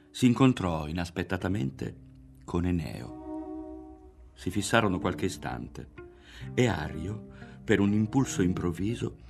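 List: man, audiobook narration, low pitch, lively intonation, dramatic reading. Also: gravelly. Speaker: audiobook reader. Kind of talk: scripted narration of a novel.

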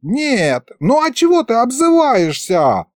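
A man's voice: very high voice, wildly swooping pitch, a little slow, darkish tone, dry recording, studio quality, pitched above the performer's own voice, full character voice. A man voicing the touchy, whiny left head of a three-headed dragon, talking in an indignant, complaining way, in a storybook reading. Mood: whining. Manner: whining, indignant.

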